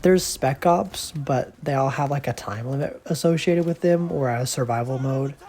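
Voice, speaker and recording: A man's voice: medium pitch, normal speed, darkish tone. Casual gaming host, male, stuffy nasal voice from allergies, rambling and self-deprecating, faint noise underneath. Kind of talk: casual rambling commentary over gameplay.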